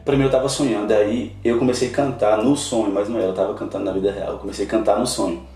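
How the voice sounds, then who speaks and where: Man, guest missionary, earnest testimony, heard from a distance in a roomy space with soft music. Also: lowish voice, steady tone, rapid-fire. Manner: earnest, emotional storytelling. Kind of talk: personal testimony in a podcast interview.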